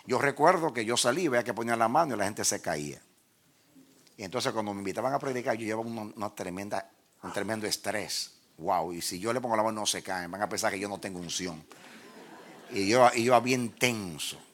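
Animated male preacher with a bright voice. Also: on the low side, brisk. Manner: animated storytelling, swings between quiet and shouting. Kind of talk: sermon.

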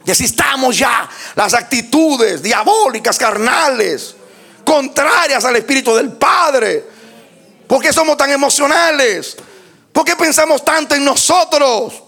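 High-voiced dramatic male preacher. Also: lively intonation, a little slow. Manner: dramatic, swings from shouts to hushed near-whispers. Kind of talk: sermon.

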